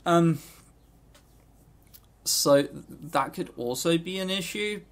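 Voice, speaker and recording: In a casual game review chat, a podcast co-host talks informally at a slow pace in a slightly high voice. He offers opinions but delivers them hesitantly.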